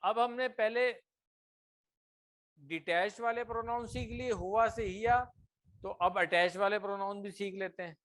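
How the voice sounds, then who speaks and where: A man teaching a grammar class, drilling words slowly and often checking that his students follow. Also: high-pitched, fairly even intonation, fairly bright tone. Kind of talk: classroom lesson.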